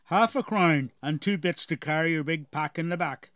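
A man's voice: fairly high pitch, moderate pace, a bit bright, no room sound, lightly acted. A man voicing a friendly, shrewd male cart driver with an easygoing, businesslike manner.

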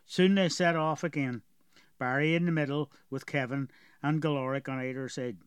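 A man reading a storybook as narrator in a steady, even way. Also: mid-range voice, moderate pace, clear, resonant tone, dry recording.

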